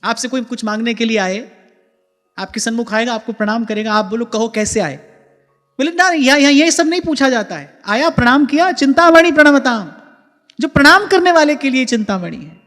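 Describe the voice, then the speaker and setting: Preacher man with a high, expressive voice. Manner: expressive, shifting between explanation and slow recited verse. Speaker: spiritual preacher. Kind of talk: devotional discourse with chanted verses. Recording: reverberant hall with faint music.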